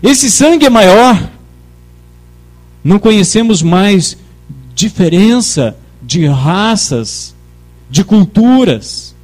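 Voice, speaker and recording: A man with a notably high voice delivers a sermon at an unhurried pace. He presses each point emphatically and calls for his congregation to repeat his words back. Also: sing-song, a little mellow. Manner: emphatic, leads the congregation in call-and-response. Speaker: preacher.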